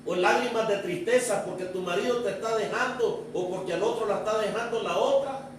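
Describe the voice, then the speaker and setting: A man's voice: high-pitched, fairly quick, slight background noise. A man preaching a sermon as pastor, driving his points home with repeated rhetorical questions to the congregation. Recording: echoey church room, distant mic.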